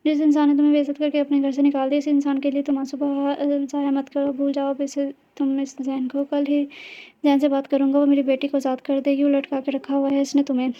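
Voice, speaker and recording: A woman's voice: sits high, completely flat delivery, fast, mellow, natural voice. A woman voicing a stern, exasperated middle-aged father who scolds his daughter. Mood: scolding. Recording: dull lo-fi recording.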